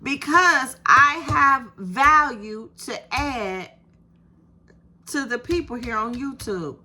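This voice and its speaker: Talking casually and directly to her viewers, a YouTube creator in her fifties uses a soft, high voice at a slow pace. She's animated and encouraging, peppering her talk with "baby" and "you hear me".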